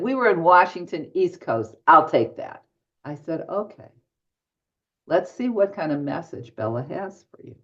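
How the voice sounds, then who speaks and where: An older woman, a medium guesting on an interview show, tells stories and acts out both sides of each conversation. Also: low voice. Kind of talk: anecdotal storytelling in a podcast interview. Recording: dull lo-fi audio.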